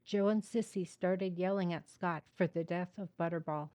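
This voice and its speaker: Low, mellow woman reading her book. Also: steady tone, normal speed. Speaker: author and host.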